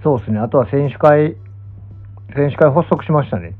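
A man's voice: medium pitch, moderate pace, breathy edge, soft background music. A young man with a Kansai accent chatting casually on a livestream, musing hesitantly and trailing off. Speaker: pro gamer and streamer. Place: small indoor room, lying down. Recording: muffled, thin phone-like audio.

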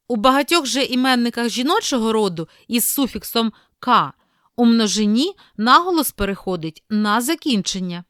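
A woman teacher reading a scripted lesson, clear and deliberate, slowing down to spell out example words. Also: on the high side, fairly bright tone, no echo, clean studio sound.

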